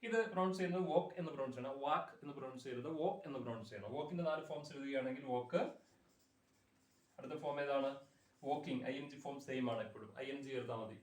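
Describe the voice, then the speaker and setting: A man's voice: medium pitch, racing, recorded from a distance. Man teaching grammar in an echoey room. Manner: patient, repeats word forms and checks understanding. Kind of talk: classroom grammar lesson.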